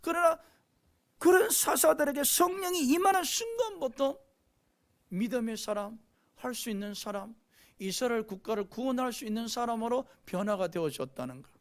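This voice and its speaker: With a mid-range voice, lively intonation, and normal speed, a pastor preaches with intensity. Rhetorical "eh?" prompts aimed at the congregation come up again and again.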